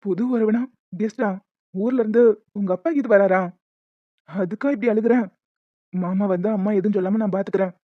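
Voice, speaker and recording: A woman's voice: medium pitch, normal speed, pauses often, dry recording, natural voice. A woman voicing a caring, protective young husband in a cartoon story, tender and earnest. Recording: dull lo-fi audio with faint music.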